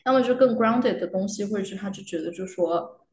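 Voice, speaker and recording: A woman's voice: medium pitch, quick pace, a little mellow. A young adult woman, a doctoral candidate guest, chatting casually about her research and moving between Chinese and English mid-sentence with many fillers. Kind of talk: casual academic chat. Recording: roomy with faint noise.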